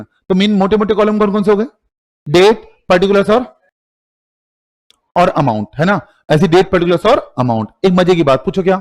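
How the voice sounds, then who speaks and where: A high-pitched man with an Indian accent teaches accounting to a live class, teasing his students and quizzing them through call-and-response questions.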